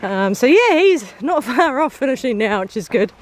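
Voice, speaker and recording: Strolling a bush trail outdoors, this woman narrates casually to her camera in a high-pitched, sing-song voice at a moderate pace. She has a mild New Zealand accent, laughs a lot, and films as a hiker vlogger.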